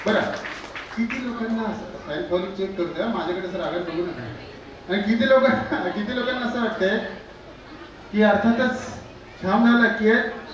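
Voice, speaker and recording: A man with a high voice hosts a pre-wedding celebration, teasing the couple and pushing the crowd to cheer. He is heard from some distance through a strongly echoing venue. Clear background noise of the gathering sits under his voice. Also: normal speed, long pauses, muffled recording. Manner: energetic, urges the crowd to clap and cheer. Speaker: event anchor at a pre-wedding sangeet. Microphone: handheld microphone through the house speakers.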